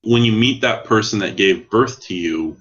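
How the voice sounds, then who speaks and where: A man telling a personal story as an interview guest, candid and halting, repeating words as he searches for phrasing. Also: on the low side, fairly bright tone, highs cut off.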